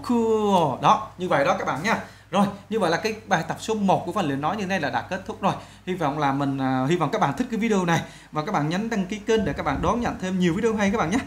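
A woman teaching an online English lesson. She explains in Vietnamese, speaks straight to the viewers, and says English phrases slowly for learners to repeat. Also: lowish voice. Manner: addresses viewers directly and often.

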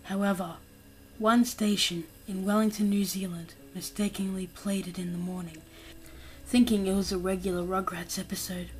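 A woman narrating a creepypasta horror story in a steady reading voice, going quiet and slow for the grim parts. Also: mid-range voice, low-quality recording. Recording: narration over loud background music.

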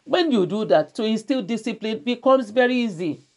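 Lady pastor giving a sermon, mellow warm tone, keeps repeating her main line for emphasis. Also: a little high, lively intonation, normal speed. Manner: repetitive, emphatic preaching with scripture readings. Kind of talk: church sermon.

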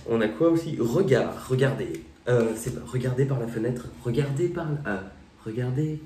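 A man's voice: medium pitch, moderate pace, warm tone, a little hiss or hum. A man giving a casual, playful monthly reading, now and then breaking into sung lines. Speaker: astrology tarot reader. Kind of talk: casual monthly reading, singing snatches of songs. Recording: echoey room, voice from far off.

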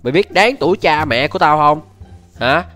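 A man's voice: fairly high pitch, animated, sharp tone, soft background music. Young man putting on an angry old father. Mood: scolding. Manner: scolding, threatening, rapid. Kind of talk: prank voice chat during a mobile game. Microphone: game voice chat.

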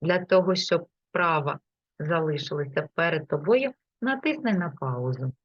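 A patient woman teacher walks a learner through English examples, saying each word slowly and clearly. Her voice sits fairly low. The recording is dull and lo-fi, with a dry sound. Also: animated, no echo. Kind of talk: explaining a lesson to a learner.

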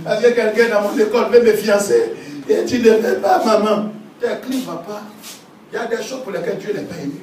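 Male pastor, high voice, animated sermon style; distant mic, heavy church echo. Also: a little fast. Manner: animated preaching, acting out quoted church members. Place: church hall. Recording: very echoey hall, distant mic, faint noise.

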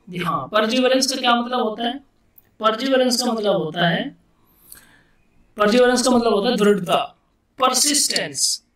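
A man with an Indian accent teaching English vocabulary in a casual classroom style, repeating words slowly and asking himself questions as he explains. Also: high voice, a bit bright. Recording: echoey room, distant mic.

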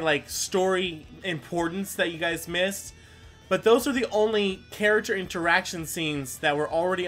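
A man with a high, somewhat bright voice hosts a gaming video, giving casual, rambling commentary on the gameplay. He is self-deprecating and prone to mild swearing.

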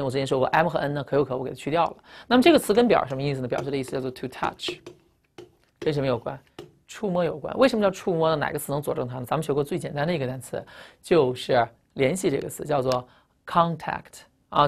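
A woman with Chinese as her first language teaching English vocabulary in a recorded lecture, emphatic, asking rhetorical questions and spelling out word roots. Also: a bass voice.

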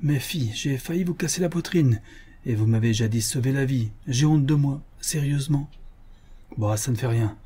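A man's voice: mid-range voice, moderate pace, mellow, husky, lightly acted. A man voicing a cornered, ashamed male spy in an audiobook, grumbling in a sour-sweet tone. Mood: rueful.

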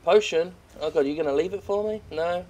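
Sweary British male gamer, higher-pitched voice. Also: fairly quick, a little mellow, lo-fi sound. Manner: sweary, rambling, self-deprecating. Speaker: gamer commentating over gameplay. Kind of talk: casual gameplay commentary. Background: faint video game action sounds.

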